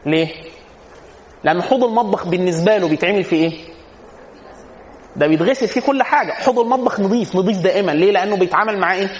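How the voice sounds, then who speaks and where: An Egyptian man gives a casual religious lecture on family life, talking fast in a fairly high voice and answering his own rhetorical questions with humor. He is heard through a dull, lo-fi recording with a long echo, as if in a large hall. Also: a little hiss or hum. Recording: echoey hall, dull lo-fi sound.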